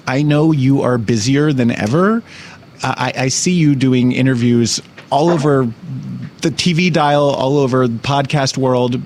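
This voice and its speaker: A man's voice: mid-range voice, darkish tone, slight background noise. A man hosting a podcast, chatting in a playful, bawdy joking way. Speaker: podcast host. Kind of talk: casual chat with a read sponsor ad.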